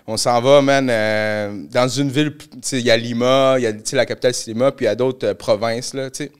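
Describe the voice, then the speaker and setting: Québécois guy on a podcast, slangy storytelling, throws in english words, middle pitch. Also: fairly quick, smooth. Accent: Québécois French. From Canada. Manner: animated, slang-heavy, mixes English. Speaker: podcast host. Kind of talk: casual storytelling chat.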